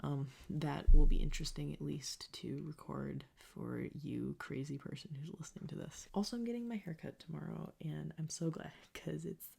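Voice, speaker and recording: A young woman whispers into a close desk microphone in her bedroom, rambling and self-deprecating. Her low voice is breathy and full of vocal fry, with a dark, mellow tone. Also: moderate pace, few pauses. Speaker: music student keeping a video diary. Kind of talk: whispered diary vlog. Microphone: close condenser desk mic.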